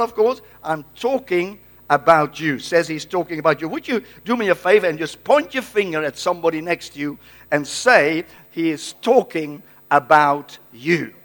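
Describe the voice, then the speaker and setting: Preaching in a Pentecostal style with call-outs from the congregation, a Dutch man speaks with a Dutch accent in exclamations, frequently hesitating and repeating himself. His voice is on the high side and fairly bright.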